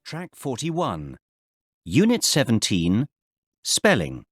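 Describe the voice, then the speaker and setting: A man's voice: medium pitch, over loud music. A man reading a children's story and track announcements for a textbook course in scripted narration. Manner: slow, careful classroom reading with lively intonation.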